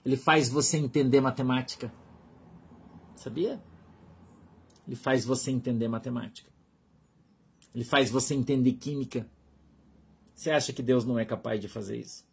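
Husky Brazilian pastor preaching. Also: male voice, medium pitch, steady tone, normal speed, pauses often. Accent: Brazilian Portuguese. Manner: conversational preaching, keeps asking the flock "understood?". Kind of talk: sermon.

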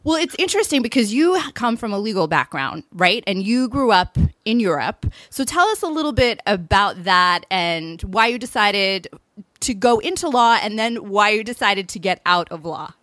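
A woman's voice: medium pitch, lively intonation, moderate pace, a bit bright, no room sound. Encouraging woman podcast host, dry sound. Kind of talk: podcast interview.

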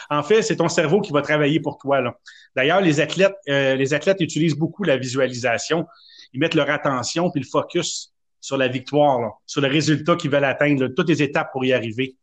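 A man's voice: a little high, a little fast. A man with a Québécois French accent co-hosting a podcast, talking casually and telling stories with a self-mocking humor. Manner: chatty, self-mocking, storytelling. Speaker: podcast co-host. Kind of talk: casual chat.

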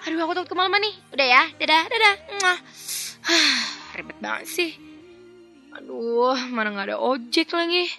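A woman's voice: high-pitched, animated, moderate pace, bright, forceful tone, soft background music, voice pushed up, heavily acted. Woman acting her anxious younger self. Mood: fretful. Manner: anxious, fretful sighs and pleading.

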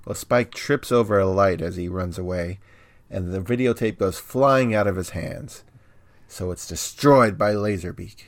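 A man co-hosting a podcast, recapping an episode's plot in a steady storytelling way with dry humor. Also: low-pitched, a little slow, dry recording.

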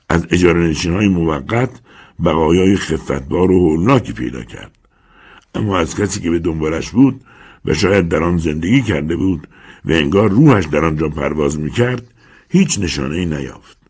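Audiobook narrator: man, very deep husky voice, expressive dramatic storytelling.

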